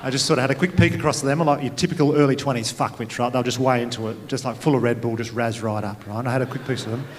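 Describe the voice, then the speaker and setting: A man's voice: mid-range voice, steady tone, rapid-fire, few pauses, slight background noise. Australian man doing laid-back stand-up. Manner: laid-back storytelling with crude asides. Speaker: stand-up comedian. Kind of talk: stand-up comedy set. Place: comedy venue on stage. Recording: live room with long reverb, faint ambience.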